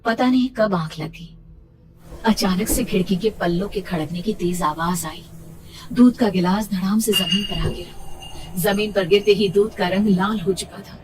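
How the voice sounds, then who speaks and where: Here a woman of medium pitch and measured pace, lightly acted, voices a scared young pregnant woman recounting a horror tale in the first person with theatrical emotion and suspenseful dread. Loud music dominates, leaving her voice far-off, and background noise is present.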